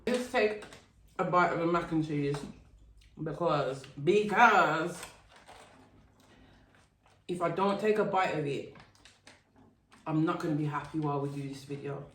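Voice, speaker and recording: A woman's voice: low-pitched, measured pace, long pauses, fairly bright tone. A woman hosting a casual chat, playful and chatty, eating while she talks, recorded outdoors. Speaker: host. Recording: roomy sound from a distant mic.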